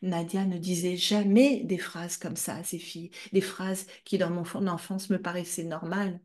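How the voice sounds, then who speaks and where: A woman's voice: lowish voice, flat delivery, normal speed, a little mellow. A woman hosting a book club, reading a novel aloud with dramatic, emotionally charged delivery.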